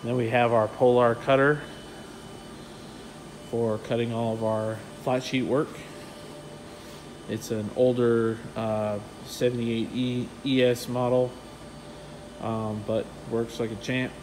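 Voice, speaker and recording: Filming on a handheld phone as he walks, a print shop owner casually tours his indoor offices and warehouse, explaining the equipment. His talk is relaxed and technical with lots of fillers, and his mid-range voice is slow with frequent pauses over background noise.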